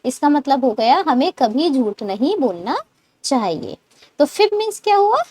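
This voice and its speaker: A woman teaching English words, explaining in Hindi and modelling slow English sentences for learners to repeat. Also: high-pitched, very animated, dark tone, slight background noise. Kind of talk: spoken English lesson.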